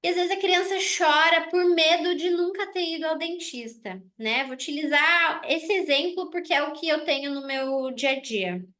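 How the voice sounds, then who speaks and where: Woman dentist, high voice, warm casual explainer, restates each point. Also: normal speed, few pauses. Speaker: dentist presenting a wellness oil kit for children. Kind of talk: casual online presentation.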